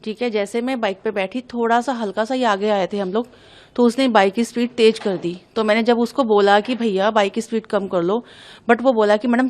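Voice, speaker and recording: A woman's voice: on the high side, a little mellow. A young woman giving an urgent, agitated account of an incident to a news reporter. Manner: urgent, agitated, hurried retelling. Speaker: interviewee recounting an incident. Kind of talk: emotional news testimony.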